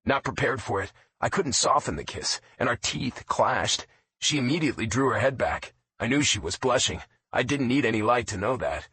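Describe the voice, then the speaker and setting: A man narrating a romance audiobook in a low, intimate first-person reading. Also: animated, normal speed, bright, forceful tone, husky.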